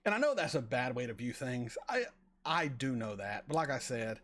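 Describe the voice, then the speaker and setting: A man's voice: mid-range voice, very animated, fairly bright tone. A man in his forties chatting casually on a live stream, answering viewers and often stumbling over repeated words. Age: 40s. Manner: rambling, halting with repeated words. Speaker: reaction channel host reading chat.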